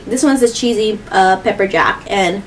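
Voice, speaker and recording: A woman's voice: medium pitch, slight background noise. A woman hosting a casual eating video, chatting playfully between bites. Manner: playful, chatty, with chewing pauses. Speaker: mukbang host. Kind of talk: casual chat while eating.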